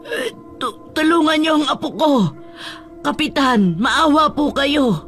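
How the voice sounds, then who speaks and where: A man's voice: very high voice, normal speed, a bit bright, soft background music, voice pushed up. Man doing a frantic tearful old grandmother. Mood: pleading. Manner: panicked, stammering, crying pleas.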